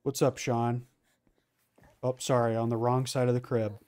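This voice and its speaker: A man's voice: medium pitch, flat delivery, moderate pace, darkish tone. A man giving casual, rambling commentary on his gameplay, full of fillers and restarts. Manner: rambling, filler-heavy, self-correcting. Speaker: let's play gamer.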